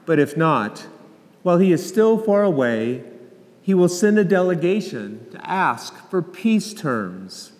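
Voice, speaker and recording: Man, clergyman, slow formal scripture reading, higher-pitched voice, solemn, long cathedral echo. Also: sing-song, a little mellow. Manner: solemn, measured, deliberate. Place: large reverberant church.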